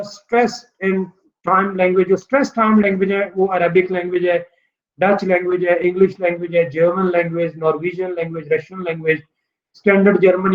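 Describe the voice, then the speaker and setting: A man teaching a recorded online lecture, explaining steadily, mixing in English terms, with drawn-out "uh" fillers. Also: high-pitched. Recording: dull lo-fi recording.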